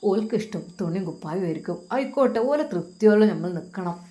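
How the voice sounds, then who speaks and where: A woman voicing a calm, kind young husband, speaking low and reassuringly. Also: fast talker, close to an everyday voice. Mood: gentle.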